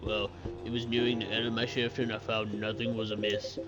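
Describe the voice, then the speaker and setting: A man doing a gruff dad telling a spooky story. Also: lowish voice, level tone, close to an everyday voice, low-quality recording. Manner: gruff, dramatic storytelling with slow emphasis. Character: gruff middle-aged night guard father telling a spooky story. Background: loud game music.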